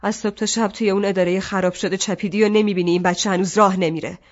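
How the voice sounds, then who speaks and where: A woman's voice: mid-range voice, fairly even intonation, dull audio, close to an everyday voice. Woman reading a harsh, worn-out mother. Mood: angry. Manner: scolding, shouting.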